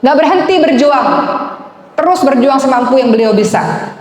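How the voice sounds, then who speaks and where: A young woman with a fairly high voice preaches to a roomful of women. She is lively and coaxing, and keeps asking her listeners to answer back. Her voice rings out through a large, echoey hall with a long reverb tail. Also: normal speed. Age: young adult. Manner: lively, coaxing, asks the audience questions. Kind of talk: sermon to a women's gathering.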